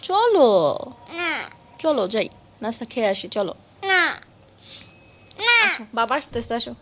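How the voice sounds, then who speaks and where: A woman's voice: a little high, normal speed, a bit bright, breathy edge. A young Bangladeshi mother filming a family vlog at home, sweet-talking and pleading with her small children. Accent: Bangladeshi Bengali. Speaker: vlogger mother. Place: home, indoors. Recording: noisy home phone recording.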